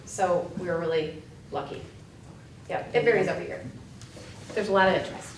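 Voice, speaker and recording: A woman presenting an immersion program report at a board meeting, talking fast and eagerly with plenty of fillers. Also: fairly low pitch, slight background noise. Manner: enthusiastic, fast, filler-heavy. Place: meeting room. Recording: echoey room, mic far off.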